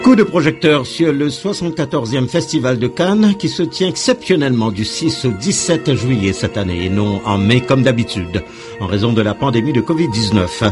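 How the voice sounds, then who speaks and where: Man, scripted news read, brisk, lively pitch, middle voice. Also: over music. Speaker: news presenter.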